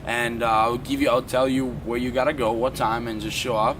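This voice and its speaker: A man's voice: medium pitch, level tone. A young man from Italy, telling his story as an interview guest, often restarting his sentences. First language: Italian. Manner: halting, with many restarts and fillers. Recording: distant outdoor mic with traffic noise.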